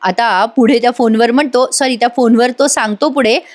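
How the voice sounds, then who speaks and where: A woman's voice: fairly high pitch, steady tone, a little fast. A woman who recaps a TV serial in a voice-over, chatting with viewers and speaking to them directly. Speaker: serial reviewer. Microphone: voice-over studio mic.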